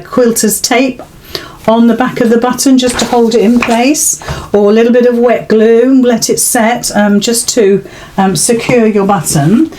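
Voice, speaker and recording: Speaking in a British English accent, a sewing tutorial host with a slightly high, dark-toned voice demonstrates her craft informally, one step at a time, keeping things chatty and reassuring.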